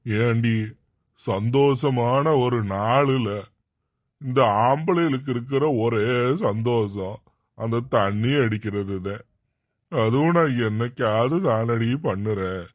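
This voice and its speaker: A man's voice: mid-range voice, slow pace, no echo, studio quality, close to an everyday voice. A man voicing a whiny henpecked husband. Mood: whining. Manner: whining, self-pitying. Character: sulky henpecked husband with broken arm, middle-aged. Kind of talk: cartoon voice acting.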